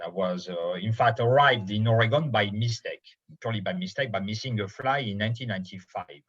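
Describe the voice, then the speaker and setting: A middle-aged or older man from Bordeaux with a French accent, giving an informal presentation as a winemaker in halting non-native English phrasing. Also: on the low side, a bit bright, lo-fi sound. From Bordeaux, France. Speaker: winemaker presenting his estate's wine.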